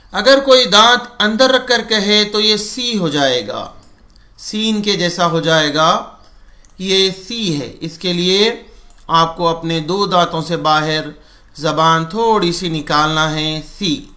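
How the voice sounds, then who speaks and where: Male Quran reading teacher, high voice, patient and very slow. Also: sharp tone. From India. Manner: patient, repeats each letter sound slowly. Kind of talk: slow Quran reading lesson with letter sounds.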